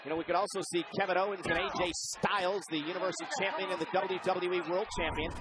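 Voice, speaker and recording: A man doing excited live play-by-play wrestling commentary, punching out each call of the action. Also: sits high, quick pace. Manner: emphatic, punchy calls of the action. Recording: loud crowd noise behind live broadcast. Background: roaring arena crowd.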